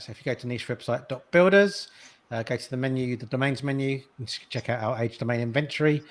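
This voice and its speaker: A man co-hosting a live online show, relaxed, thanking viewers and passing along questions. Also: medium pitch. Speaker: co-host. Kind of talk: casual live-stream chat.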